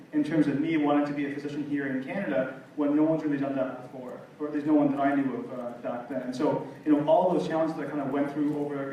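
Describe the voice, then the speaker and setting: A man's voice: on the high side, darkish tone, highs cut off. A man speaking on a seminar panel in a loose way, full of "you know". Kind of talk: seminar talk. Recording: echoey room, far from mic, faint noise.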